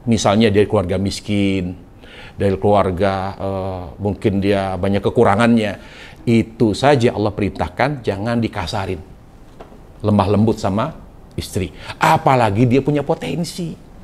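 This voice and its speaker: A man preaching a sermon, telling a story in a colloquial, animated way and acting out the people in it. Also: on the low side, moderate pace. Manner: animated, colloquial, acts out quotes.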